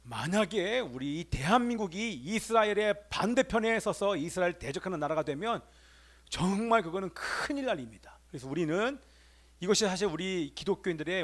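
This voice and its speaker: A man's voice: sits high, lively intonation, fairly quick, a bit bright. A middle-aged male pastor giving a Sunday sermon in a church, preaching with emphatic rises and calling out to the congregation. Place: church sanctuary.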